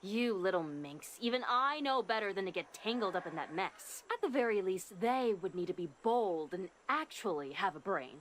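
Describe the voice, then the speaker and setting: A woman's voice: mid-range voice, lively intonation, moderate pace, few pauses, slight background noise, close to an everyday voice. Woman doing a wry ancient fox spirit. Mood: dismissive. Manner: cool, dry, dismissive. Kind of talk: game cutscene voice acting.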